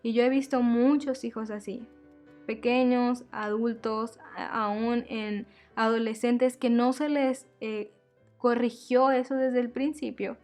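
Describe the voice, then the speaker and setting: A woman's voice: fairly high pitch, steady tone, slow pace, darkish tone, soft background music. A woman giving a devotional teaching to women, earnest and repeating her key phrases as she addresses her listeners as sisters.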